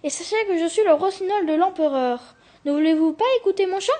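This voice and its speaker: A student reading the parts of several fairy-tale figures in a school storybook, speaking politely and loftily. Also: female voice, very high-pitched, brisk, dark tone. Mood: lofty. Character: various tale figures: Cinderella, a nightingale, Tom Thumb.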